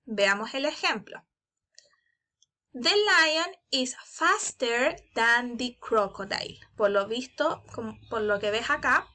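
Teaching an English grammar lesson in a recorded online class, a woman with a Chilean Spanish accent explains things slowly, step by step. Her voice is fairly high, bright and forceful, and she often checks in with students using "¿ya?" and "¿cierto?".

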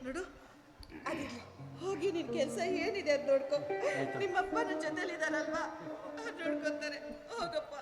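Woman acting tearful devoted mom, village stage drama, super high voice, echoey, loud music under it. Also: fairly quick, lightly acted. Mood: tender. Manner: declaims and repeats lines, tearful. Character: devoted middle-aged mother and wife, tearful. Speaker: stage actor.

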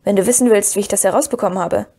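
A woman reading the part of Merry, a calm and knowing young male hobbit who speaks with quiet decisiveness. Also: mid-range voice, very fast, husky. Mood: decisive.

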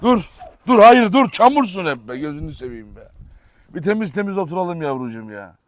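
A man filming a casual vlog outdoors in a yard, talking fondly to his dogs and explaining to viewers, with sharp commands now and then. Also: a little high, sing-song, brisk. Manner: affectionate baby talk to dogs, sharp commands. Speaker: dog breeder vlogger. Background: dogs barking.

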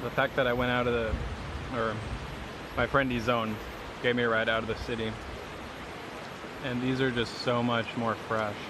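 A man's voice: mid-range voice, little pitch movement, normal speed, pauses often. A man vlogging casually by a river, rambling with fillers as he is about to take a bite. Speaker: travel vlogger. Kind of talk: casual vlog chat. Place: outdoors by a river. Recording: loud outdoor noise. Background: loud outdoor background noise.

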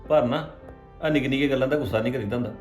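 A man's voice: medium pitch, racing, a little mellow, roomy sound, faint music behind, natural voice. A man playing a peacemaking husband. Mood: soothing. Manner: soothing, keeps asking for agreement. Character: peacemaking husband caught between mother and wife. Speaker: husband in a family drama. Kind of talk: scripted domestic drama acting.

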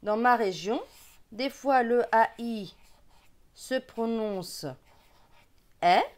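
A woman's voice: on the high side, drawn-out words. A woman with a regional French accent teaching beginners to read, sounding out syllables and repeating each word patiently. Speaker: reading teacher. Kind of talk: slow reading lesson for beginners.

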